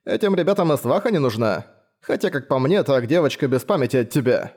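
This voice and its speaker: Hoarse, mocking talking hand, voiced by a man. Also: mid-range voice, lively intonation, brisk, a little mellow, natural voice.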